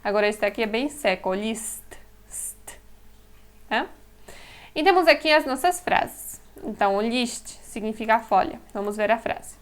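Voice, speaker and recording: A woman whose first language is Polish, teaching Polish words in a slow, explanatory lesson, repeating each word carefully and laughing lightly now and then. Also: fairly high pitch, smooth.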